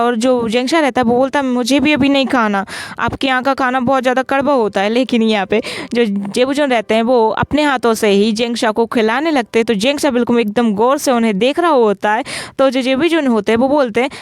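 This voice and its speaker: A woman's voice: high voice, clear, resonant tone, dry recording. A woman casually retelling a drama scene by scene, reading each character's lines aloud in her own everyday voice. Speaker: drama recap narrator. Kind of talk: casual storytelling recap.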